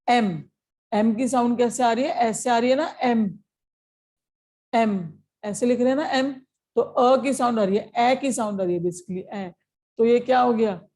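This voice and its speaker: A woman's voice: fairly high pitch, dark tone. A woman teaching an exam-prep grammar lesson, explaining step by step and often checking with short questions. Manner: explains step by step, mixing Hindi and English.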